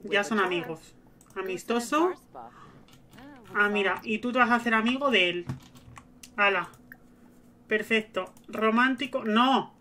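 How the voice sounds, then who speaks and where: Bright-voiced woman. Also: medium pitch, measured pace, pauses often. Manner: chatty, narrates her own moves aloud. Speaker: gaming streamer. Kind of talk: casual gameplay commentary.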